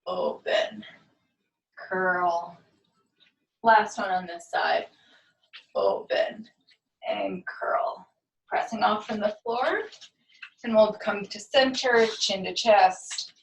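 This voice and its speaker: A woman movement teacher guiding a class through gentle stretches with calm, step-by-step cues. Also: medium pitch, extremely slow, pauses often. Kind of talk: guided movement class instruction. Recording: echoey room, far from the mic.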